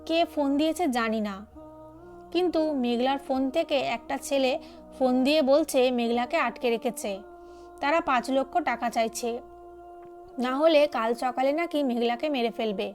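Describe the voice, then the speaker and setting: A woman's voice: high voice, moderate pace, soft background music, natural voice. Woman voicing Nila, a worried young woman. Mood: anxious. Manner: anxious, pleading.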